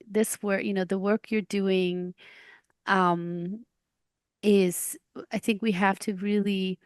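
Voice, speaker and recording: A woman in her forties who grew up in Denmark, speaking as a panel guest, halting with many restarts and fillers. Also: medium pitch, smooth, no echo, clean studio sound. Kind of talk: panel discussion.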